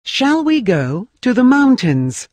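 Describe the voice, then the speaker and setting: A voice repeating translated phrases slowly and carefully for learners. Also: medium pitch, big pitch swings, darkish tone, no room sound. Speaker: repeat reader.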